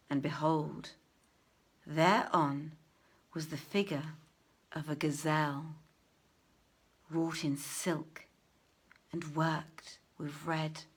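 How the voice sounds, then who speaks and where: With a low, slightly rough voice, a woman narrates an old-fashioned story as a storyteller would. She reads expressively, phrasing each line deliberately and pausing for drama.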